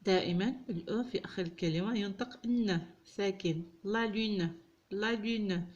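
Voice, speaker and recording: A woman giving a tutorial lesson as a teacher, sounding out French syllables slowly and clearly. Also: mid-range voice, a little mellow, dull audio.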